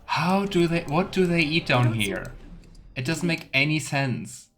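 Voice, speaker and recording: A man who streams and makes let's plays chats casually while gaming, talking to his audience and reading in-game text out loud. His fairly high voice swings widely in pitch and he takes his time. Music plays in the background alongside faint game ambience.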